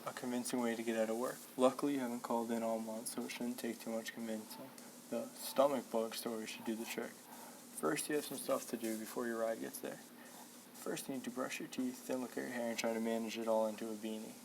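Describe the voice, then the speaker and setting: A young man narrating a spoken-word piece in second person, calm, steady and matter-of-fact. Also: mid-range voice, quick pace, creaky, noisy background.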